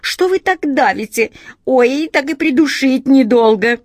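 A woman's voice: sits high, lively intonation, unhurried, dry recording, clean studio sound, voice pushed up. A woman voicing a male cat stuck as a tiny mouse in a storybook, pleading and squealing.

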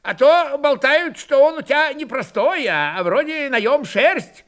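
A man's voice: extremely high pitch, very animated, slow pace, a bit bright, pitched above the performer's own voice, exaggerated voice. A man voicing a sly Cossack who teases and needles an old man. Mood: snide. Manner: snide, teasing. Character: sly, mocking Cossack jester.

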